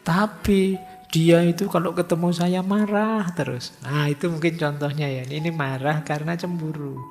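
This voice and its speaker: Middle-aged man lecturing, gravelly. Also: mid-range voice. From Indonesia. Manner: lively storytelling with acted quotes. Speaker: lecturer on philosophy. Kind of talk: informal religious study lecture. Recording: music under long hall reverb.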